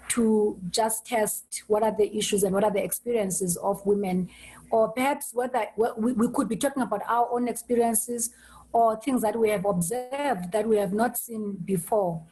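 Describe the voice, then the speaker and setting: A woman hosting an online meeting over a video call, speaking haltingly and restarting her words often. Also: mid-range voice, warm tone, husky, poor audio. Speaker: host.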